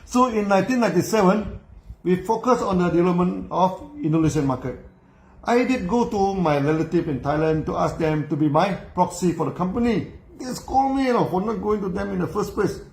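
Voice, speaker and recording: An older Malaysian man tells a business story in a voice set fairly high for a man. He keeps tacking "no" and "you know" onto his lines and chuckles along the way. The room gives his voice a roomy echo. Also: animated, fairly quick, vocal fry, a little mellow. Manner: tag questions, frequent "no" and "you know", chuckling while telling. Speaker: company founder telling his story. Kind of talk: storytelling talk.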